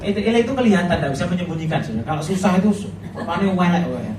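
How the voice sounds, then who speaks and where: A man's voice: high-pitched, animated, very fast, a crowd in the background. A middle-aged man with a Javanese accent, preaching a chatty, humorous sermon as a pastor. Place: church hall. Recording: echoey hall, voice from far off.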